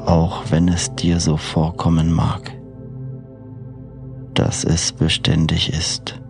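A man narrating a sleep meditation like a bedtime storyteller, hushed and unhurried, with long pauses between short phrases. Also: low voice, monotone, gravelly, music in the background. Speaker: podcast host and meditation narrator.

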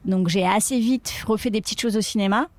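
A woman's voice: mid-range voice, a little fast. A woman in her thirties, an actress and comedian, chatting in an interview and laughing often as she acts out quoted lines. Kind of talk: casual interview conversation.

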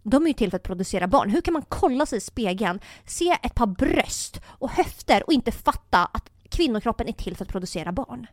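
A woman's voice: on the high side, lively intonation, hardly any pauses, no room sound, studio quality. A young woman hosting a podcast, telling a story in casual chat and quoting people in put-on voices. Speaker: podcast host.

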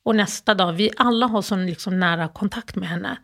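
In a personal interview, a middle-aged Swedish woman shares an emotional story in halting phrases at medium pitch. Her speech is full of fillers and restarts, and she voices the old phone calls as she once heard them, in her own voice.

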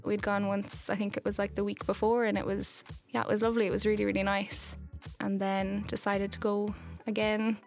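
A woman's voice: medium pitch, little pitch movement, fairly quick, vocal fry, hardly any pauses, darkish tone, soft background music. A woman in her twenties from Galway with a west of Ireland accent, recalling events casually as an interviewee. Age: 20s. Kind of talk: casual recollection.

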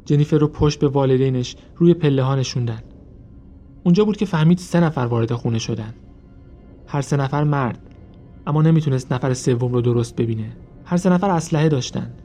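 Mellow-voiced man narrating true crime. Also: mid-range voice, faint music behind. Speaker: podcast narrator.

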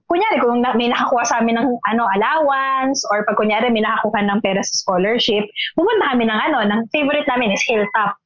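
Young woman from the Philippines, high voice, lively storytelling, dry slightly dull recording. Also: no echo. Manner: animated storytelling, switches between Filipino and English. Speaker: podcast co-host. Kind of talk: casual chat.

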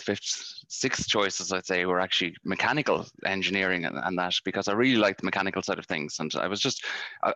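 This podcast guest, a company founder, speaks in a low, slightly bright voice with a west of Ireland accent from County Galway. He tells loose, rambling stories in a conversational way, and the audio carries no room sound.

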